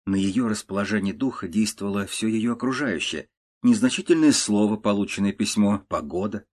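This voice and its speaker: A male narrator reads an old prose tale in a steady, measured audiobook style. His voice sits on the low side. He keeps an even storytelling pace. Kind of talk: audiobook reading of classic prose.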